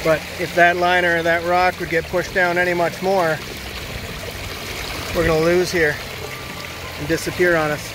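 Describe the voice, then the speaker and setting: A water feature installer speaks in a high-pitched, flat voice at normal speed, pausing often, as he inspects a backyard stream outdoors. He records plainly on a handheld phone, thinking aloud through the walkthrough amid a noisy background.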